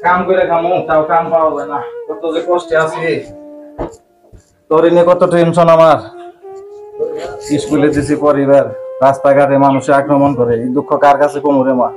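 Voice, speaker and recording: A man's voice: a little high, level tone, moderate pace, long pauses, music in the background, close to an everyday voice. A man playing a poor widowed laborer father who laments his hardship aloud. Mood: lamenting. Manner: lamenting, pleading to God. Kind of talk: amateur village drama acting.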